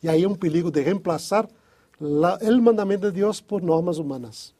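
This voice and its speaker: Guy, fairly high for a man, hesitant bible chat, warm and husky. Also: moderate pace. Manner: hesitant, restarts often, thinks aloud. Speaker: Bible study co-host. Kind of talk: casual religious discussion.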